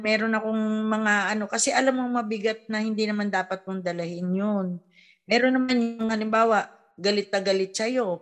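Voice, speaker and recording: A middle-aged woman, a mother and folk healer, chatting casually with her family and acting out the people she quotes. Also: mid-range voice. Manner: animated storyteller who acts out quoted dialogue.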